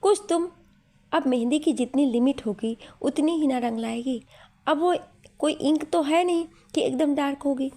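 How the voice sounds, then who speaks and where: A woman's voice: high-pitched, normal speed, warm tone, voice pushed up. A woman voicing a young man who banters with his bride in an exasperated way. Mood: bantering.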